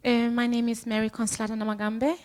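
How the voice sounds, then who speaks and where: A woman's voice: a little high, flat delivery, quick pace, a little mellow. Informal woman from Denmark. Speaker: panel participant, lawyer and activist.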